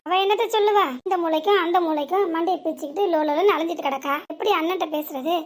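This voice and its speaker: A woman voicing a quick-tempered, sharp-tongued young wife in a cartoon serial. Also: very high voice. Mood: arguing. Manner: bickering, sharp, quick retorts. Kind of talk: Tamil cartoon serial voice acting.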